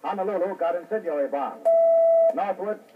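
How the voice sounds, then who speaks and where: An actor playing an urgent male wire reporter who dictates news over the phone in brisk, clipped bursts, in 1940s radio acting on an old newsreel-style broadcast. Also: high-pitched, recorded from a distance, phone-quality sound. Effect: old newsreel-style radio broadcast sound.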